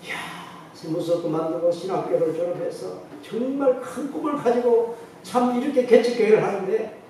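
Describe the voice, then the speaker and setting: Pastor preaching in an echoing church hall. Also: male voice, sits high, normal speed, warm tone. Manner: storytelling, acting out quoted voices. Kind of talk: sermon testimony. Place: church sanctuary. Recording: very echoey hall, distant mic, faint noise.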